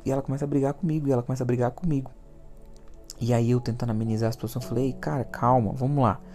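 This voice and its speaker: A man with a Brazilian accent, hosting a podcast and telling a personal story in a lively way, repeating words for emphasis. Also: medium pitch. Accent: Brazilian Portuguese. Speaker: podcast host.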